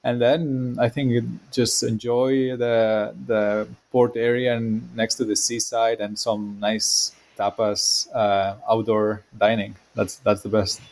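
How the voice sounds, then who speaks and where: A man from Spain, speaking with a Spanish accent, appears as a guest on a casual podcast over a video call and describes his career in long, relaxed stretches. His voice is fairly low, he takes his time, and he pauses little.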